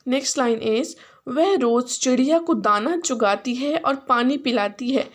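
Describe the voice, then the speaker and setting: A woman teacher with an Indian accent, mixing English and Hindi, spelling words out slowly syllable by syllable in a phonics lesson. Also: high voice. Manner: slow, syllable-by-syllable spelling aloud.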